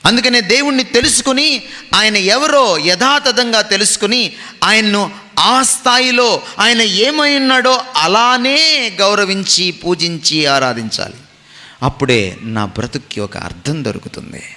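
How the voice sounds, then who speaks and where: A man's voice: sits high, animated, measured pace, bright, forceful tone, in a large hall. A man preaching a sermon as a pastor, emphatic and rhythmic, slipping into English phrases now and then.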